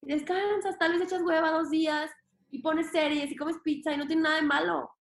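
A young adult woman with a Mexican accent, a podcast guest chatting casually in an expressive, slangy way and acting out her inner voice. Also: high-pitched, fairly quick. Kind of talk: casual conversation. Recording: echoey room.

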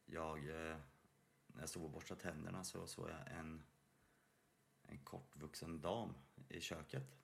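A man's voice: very deep voice, flat delivery, creaky, slight background noise. A man co-hosting a podcast, telling a ghost story in hesitant casual chat. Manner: hesitant, with fillers and restarts. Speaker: podcast co-host.

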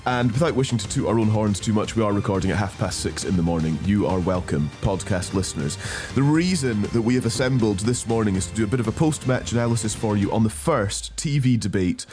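A man's voice: fairly low pitch, animated, a little fast, a little mellow, faint music behind. A man hosting a podcast, introducing the show and putting questions to guests. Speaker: podcast host.

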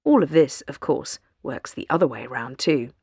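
A woman narrating a scripted news essay with a measured, wry delivery. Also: extremely low pitch, expressive, creaky, mellow, slightly rough, no room sound, studio quality. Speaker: journalist reading an essay.

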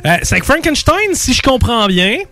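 A man's voice: extremely high pitch, very animated, normal speed, pushed and bright, no echo. A man with a Quebec French accent co-hosting a podcast, joking around in casual banter. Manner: joking, playful, hums and sings bits. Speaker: podcast co-host.

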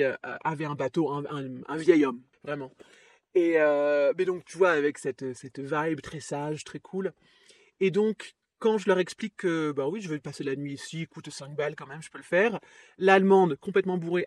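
A woman's voice: low-pitched, dry recording. Dry, chatty woman telling a story. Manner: lively, chatty, laughs often, trails off with fillers. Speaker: podcast host. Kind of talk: casual storytelling.

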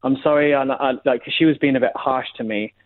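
A man's voice: mid-range voice, fairly even intonation, fairly quick. A young man telling a long story in casual chat, rambling with lots of fillers. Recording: tinny phone-like sound.

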